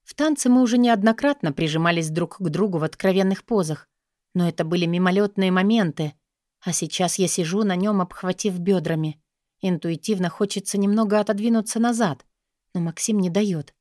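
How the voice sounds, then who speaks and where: Woman, lowish voice, audiobook narration, intimate sensual romance reading, very dry sound. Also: fairly quick, darkish tone, no echo. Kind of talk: scripted narration of first-person romance fiction.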